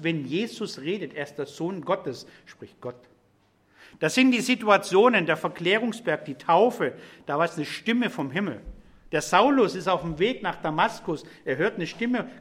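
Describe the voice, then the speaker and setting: A man's voice: high voice, a bit bright. A middle-aged man preaching a sermon, explaining scripture in a conversational way and speaking directly to the congregation.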